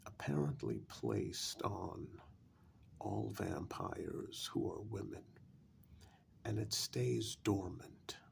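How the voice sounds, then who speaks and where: A male performer plays a patient, apologetic confidant in a gothic vampire role-play, speaking softly in the ASMR style as he explains a vampire curse inside an old castle. His low voice is hushed, breathy and gravelly, heavy with fry, and he moves slowly and deliberately with long pauses, fully in character. There is slight background noise.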